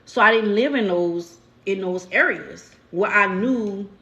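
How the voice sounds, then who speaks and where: A channel host from New Orleans, a woman with the local accent, leads a casual live-stream chat, telling stories candidly and using everyday slang. Her middle-pitched voice is unhurried and fairly bright, heard in a roomy space on a muffled recording.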